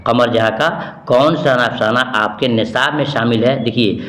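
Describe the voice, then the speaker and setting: A man's voice: mid-range voice, fairly even intonation, moderate pace, fairly bright tone, echoey room. A man teaching, walking through an exam answer key in an emphatic way, repeating key terms and asking rhetorical questions.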